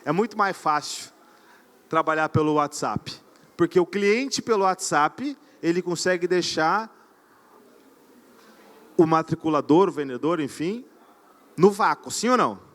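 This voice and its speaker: A man with a fairly high voice delivers a live sales talk from an event stage. He speaks with energy and keeps firing questions at the audience to pull them in. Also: expressive, a little slow, pauses often, fairly bright tone. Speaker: conference speaker.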